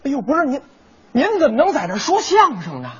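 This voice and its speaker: A man's voice: very high voice, huge pitch swings, fast, a bit bright. A man performing stage crosstalk comedy, teasing his partner with mock concern and put-on sobbing. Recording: dull stage recording.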